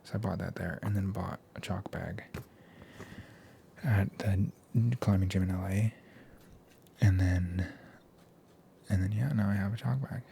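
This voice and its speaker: Young adult American male for casual ASMR chat: hushed, soft-spoken, often whispering, with gravelly fry, over noticeable background noise. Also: low-pitched, fairly even intonation, a little slow, pauses often. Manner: laid-back, slangy, meandering. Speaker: ASMR video host.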